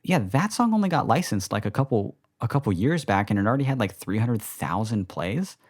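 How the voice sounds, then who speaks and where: A man's voice: lowish voice, big pitch swings, fairly quick, no room sound, studio quality. A man in his twenties, co-hosting a podcast in casual chat, rambling with lots of swearing and self-mockery. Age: 20s. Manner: rambling, profane, self-deprecating. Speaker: podcast co-host.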